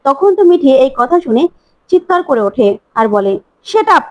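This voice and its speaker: A woman retelling the episodes of a TV serial in a casual, animated way and voicing the characters' lines herself. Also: high voice, a little fast, no echo. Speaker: storyteller recapping a TV serial. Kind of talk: casual retelling with acted quotes.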